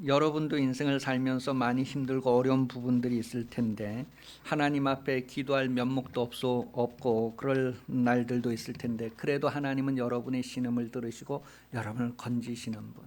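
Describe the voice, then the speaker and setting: A male pastor preaching a sermon and retelling a Bible story in a colloquial, animated way. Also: medium pitch.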